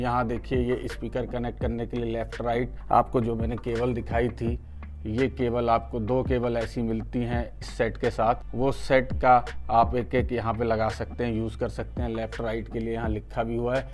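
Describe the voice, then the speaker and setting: A slightly mellow, mid-range male voice belongs to an Indian product reviewer running his channel. He unboxes and demonstrates a product step by step, frequently repeating points and chatting with viewers as if they were friends.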